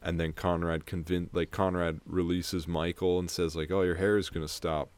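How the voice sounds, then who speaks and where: A young man with a very low voice talks through a film plot in loose, rambling podcast chat. He swears freely and laughs often. The sound is close and dry. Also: little pitch movement, normal speed, a little mellow, clear, resonant tone, dry recording. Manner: rambling, profane retelling with laughs. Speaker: podcast co-host. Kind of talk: casual film discussion.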